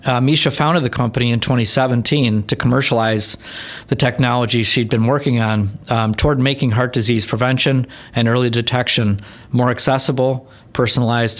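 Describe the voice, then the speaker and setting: A man hosting a podcast interview, introducing his guest with enthusiasm and the odd filler. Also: mid-range voice. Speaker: podcast host.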